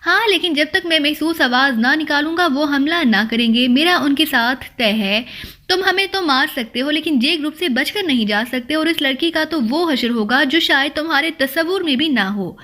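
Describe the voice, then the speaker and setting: A woman voicing a threatening, brutish male gang leader who shouts and snarls his threats. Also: high-pitched, expressive. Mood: snarling threats.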